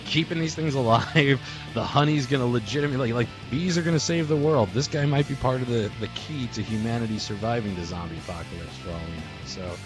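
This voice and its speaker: A quick-paced man with a mid-range voice, a podcast host, tells rambling stories while casually reminiscing on a group memorial call. Soft guitar music plays behind him.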